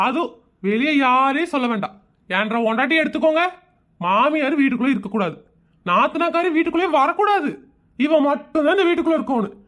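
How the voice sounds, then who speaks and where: A woman voicing an aggrieved husband who complains straight to the audience in a comedy cartoon. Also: sits high. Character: grumbling husband, adult man, aggrieved complainer.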